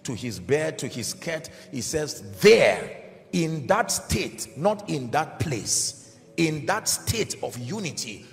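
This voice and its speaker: A man preaching a sermon in an emphatic, deliberate way, calling out to his audience. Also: a little high, very animated, gravelly. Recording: reverberant hall with faint background music.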